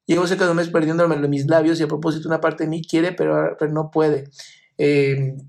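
A man's voice: fairly high pitch, flat delivery, fairly quick, creaky, darkish tone. A man hosting a live stream, reading viewer questions aloud and answering them with frank emotional advice, calling viewers "my love.". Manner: affectionate, calls viewers "my love".

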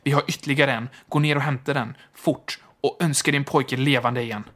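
A man reading aloud and voicing a grieving old woman, feverish and desperate, in a shrill, excited manner. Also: close to an everyday voice. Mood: urgent. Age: older.

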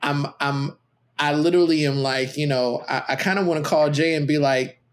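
A man's voice: a little high, fairly even intonation, moderate pace. A man talking casually on a podcast about parenting, rambling with many restarts and trailing off. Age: adult with a teenage son.

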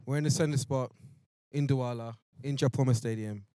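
A man's voice: medium pitch, fairly even intonation, moderate pace, mellow, dry recording. A man co-hosting a casual group podcast. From London. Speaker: podcast co-host. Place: in a large open stadium, on the pitch.

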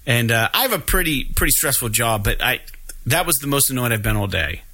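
A man co-hosting a casual podcast, telling a profane, animated story and acting out the other people's lines. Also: mid-range voice, brisk. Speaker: podcast co-host.

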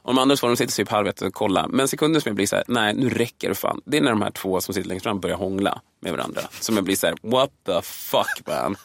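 A male comedian telling an animated story in casual podcast chat, swearing a lot and acting out voices. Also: lowish voice, gravelly, hardly any pauses, dry recording. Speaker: stand-up comedian.

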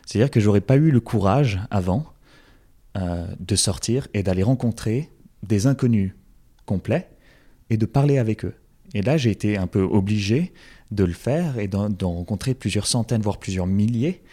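A man's voice: lowish voice, expressive, moderate pace, warm tone. A young man from France with a French accent, talking as an interview guest with many fillers and restarts. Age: young adult. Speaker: guest, former campaign organizer. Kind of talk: casual interview.

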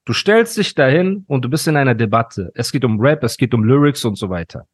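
A man's voice: mid-range voice, animated, a little fast, slightly rough, dry recording, clean studio sound. A man hosting a podcast, ranting in a mock-serious, ironic tone in casual chat. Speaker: podcast host.

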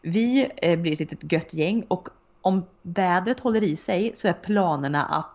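A woman in her thirties chats relaxedly with her co-host. Her voice sits a little low, and the recording sounds somewhat dull and lo-fi. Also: animated, a little mellow. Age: born in the late 1980s. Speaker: podcast co-host. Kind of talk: casual chat.

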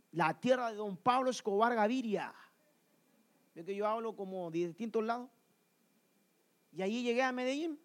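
A man's voice: very high voice, fairly bright tone. A man preaching a sermon to a congregation in a church, telling stories and firing rhetorical questions at the listeners.

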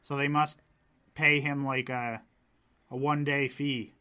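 A man's voice: medium pitch, level tone, takes it slowly, sharp tone. A man co-hosting a casual podcast, wisecracking and self-deprecating. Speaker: podcast co-host.

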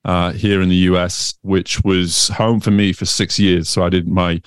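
In a relaxed interview, a thirtyish English swim coach speaks with a Northern accent that has absorbed some American sounds, often restarting and using fillers. His voice is deep and smooth, with little pitch movement and a normal pace. The audio is studio quality with no echo.

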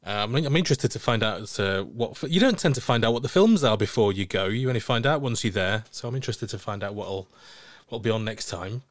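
A man's voice: lowish voice, expressive, brisk. A man hosting a podcast, playful and fond of puns, reading the sign-off. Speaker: podcast host. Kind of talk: casual podcast chat and outro.

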